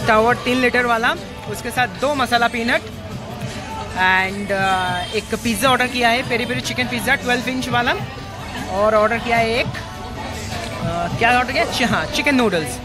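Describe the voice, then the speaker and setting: A man in his thirties, a food vlogger, speaks in an extremely high-pitched, slightly slow voice while filming a casual vlog on a handheld phone camera. He reads out a menu in a mix of Hindi and English at a busy brewery restaurant, with loud music and crowd chatter in the background.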